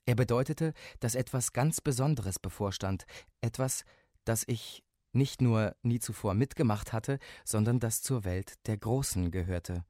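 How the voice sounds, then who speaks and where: A man reading a story aloud as narrator, expressive and lively. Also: medium pitch, measured pace, dry recording, studio quality.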